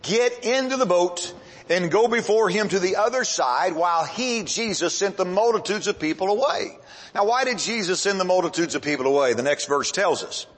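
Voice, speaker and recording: A man preaching a sermon as pastor, swinging his voice up and down and drawing words out for emphasis. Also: lively intonation. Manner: preaching with sweeping pitch swings and dramatic pauses. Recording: long hall reverb.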